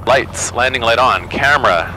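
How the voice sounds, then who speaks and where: A man flying solo as a student pilot, speaking through his cockpit headset and calmly coaching himself through checklist callouts. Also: medium pitch, normal speed, low-quality recording. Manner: calm self-coaching callouts, terse. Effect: pilot headset intercom in cockpit. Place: small plane cockpit in flight. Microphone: aviation headset boom mic. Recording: engine and wind noise in cockpit.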